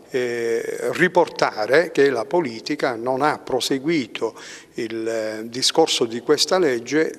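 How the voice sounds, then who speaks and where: A man giving formal interview answers in an earnest, halting, measured way. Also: mid-range voice. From Sicily, Italy. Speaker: cultural institute representative. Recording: long hall reverb.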